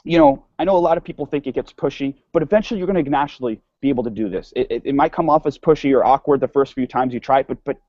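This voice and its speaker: A man's voice: medium pitch, rapid-fire, few pauses, a little mellow, no room sound, lo-fi sound. A man giving an online sales course lecture in a casual way, often repeating words and restarting sentences. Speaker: sales instructor.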